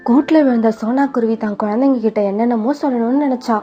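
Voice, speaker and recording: A woman's voice: a little high, fast talker. Woman narrating a sad cartoon story. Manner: sorrowful, steady telling. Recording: dull lo-fi with faint music.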